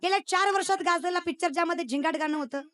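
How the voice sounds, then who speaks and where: Rapid-fire and very high-pitched, with a slightly bright tone, a young woman preaches a comic kirtan sermon from a devotional gathering's stage. She teases listeners, throws quiz questions their way and drops in English phrases.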